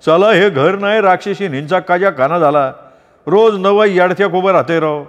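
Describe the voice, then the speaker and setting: A man's voice: sits high, moderate pace, long reverb tail, muffled recording, voice pushed up, natural voice. An irritable, grumbling banker brother, played by a man, ranting in a raised voice above the performer's own. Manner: grumbling rant.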